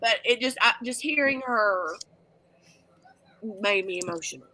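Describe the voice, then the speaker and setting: A woman in casual chat, telling a story in a lively way. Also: medium pitch, measured pace, low-quality recording.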